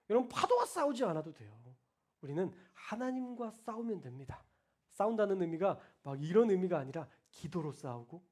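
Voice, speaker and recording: A male pastor preaching a sermon in a colloquial way, talking straight to the congregation and moving between loud, emphatic declarations and soft, hushed asides. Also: high voice. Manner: colloquial, addresses the congregation directly.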